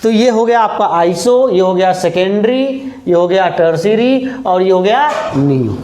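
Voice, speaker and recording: A man teaching chemistry in a classroom lecture, asking questions and answering them himself, repeating key terms and slowing down while he writes. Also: high voice, lively intonation, dark tone. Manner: slows down while writing on the board. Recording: echoey room.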